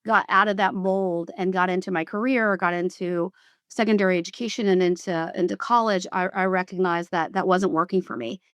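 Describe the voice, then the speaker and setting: A woman's voice: fairly low pitch, steady tone, fairly quick, a bit bright, smooth, no room sound. A woman in her fifties from South Carolina with a Southern US accent, speaking reflectively and with frequent restarts as an executive guest on an interview podcast.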